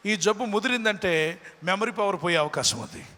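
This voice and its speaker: A man's voice: high voice, moderate pace, pushed and bright. A man preaching a sermon earnestly, with homely examples, who builds into fervent prayer. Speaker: pastor. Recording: long hall reverb with faint music.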